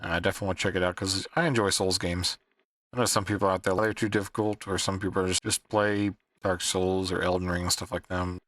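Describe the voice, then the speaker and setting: Low-voiced, bright man hosting a livestream. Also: little pitch movement, fast talker, no room sound, far from the mic. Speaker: livestream host. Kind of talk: casual livestream chat.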